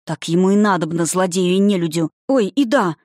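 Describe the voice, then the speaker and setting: A woman reading a feisty, sulky young village witch girl with a rustic dialect, voiced higher and indignant. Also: fairly quick, darkish tone, no room sound, clean studio sound, lightly acted. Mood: outraged.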